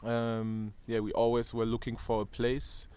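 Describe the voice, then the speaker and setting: A German man in his thirties, speaking with a German accent, is interviewed on an outdoor terrace above a valley. His mid-range voice is smooth and a little mellow, delivered in a monotone at a measured pace, though he talks hesitantly with many fillers and restarts.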